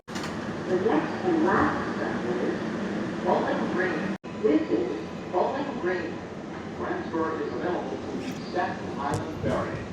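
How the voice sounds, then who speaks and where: A woman's voice: fairly low pitch, sing-song, takes it slowly. Echoey female transit announcement over train speakers. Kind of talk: scripted public transit announcement, like airport announcements. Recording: echoey, distant train speaker, clear rail noise.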